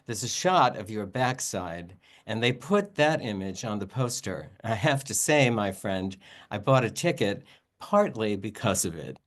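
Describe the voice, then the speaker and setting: A man's voice: lowish voice, sing-song, a little slow. A man reading his own poems at a literary reading, with casual spoken introductions between them. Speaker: poet reading own work.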